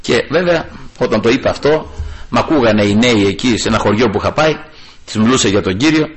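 A man preaching a sermon to his congregation, animated, moving between raised emphasis and hushed asides. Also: mid-range voice.

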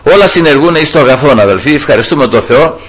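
A man's voice: fairly high pitch, animated, fairly bright tone, husky. A man preaching an evangelical sermon, fervently repeating "brothers" and "glory to the Lord" as he tells a personal story.

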